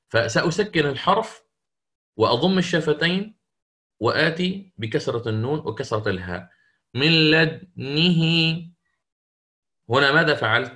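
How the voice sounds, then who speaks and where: Man explaining recitation rules, with pauses. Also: mid-range voice, fairly bright tone. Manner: explanatory, pausing often with drawn-out fillers; demonstrates recitation slowly and melodiously. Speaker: Quran recitation teacher. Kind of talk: recorded lesson on recitation rules.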